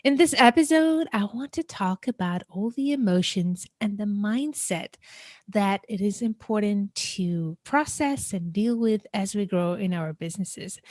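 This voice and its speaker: A woman's voice: mid-range voice, a little mellow, no room sound. Upbeat lady hosting a podcast, talks right to the listeners, dry close sound. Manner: upbeat, addresses listeners directly. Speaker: podcast host. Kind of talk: podcast interview.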